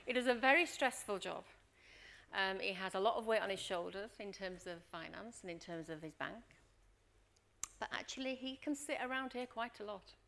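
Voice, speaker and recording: A woman's voice: mid-range voice, moderate pace, creaky. A middle-aged woman coaching a workshop, telling stories and acting out scenes, often checking in with the room. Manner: lively storyteller, acts out scenes, checks in with "Okay?". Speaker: leadership coach and workshop trainer. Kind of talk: workshop talk with acted-out anecdotes.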